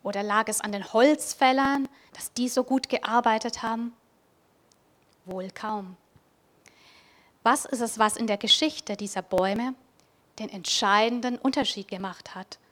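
A woman giving a reflective Christmas devotional, speaking directly to the listener and at times dropping to a soft near-whisper. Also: a little high, measured pace, pauses often. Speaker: preacher.

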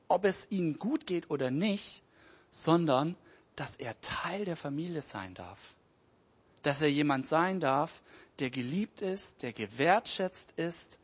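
Husky-voiced man telling a sermon story. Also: a little high. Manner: animated storytelling, shifting between loud and hushed. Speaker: preacher. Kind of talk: sermon retelling a parable.

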